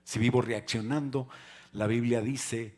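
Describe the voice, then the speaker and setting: Husky preacher who builds to shouting. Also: male voice, medium pitch, fairly even intonation, a little slow. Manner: conversational preaching with jokes, rising to shouting emphasis. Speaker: pastor. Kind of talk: sermon.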